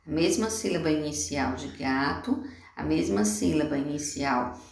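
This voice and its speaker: Low, gravelly woman teacher. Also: a little hiss or hum. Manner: slow, patient, explaining word by word with questions. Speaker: primary school teacher. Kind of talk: recorded homework lesson for children. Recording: echoey room, voice from a distance.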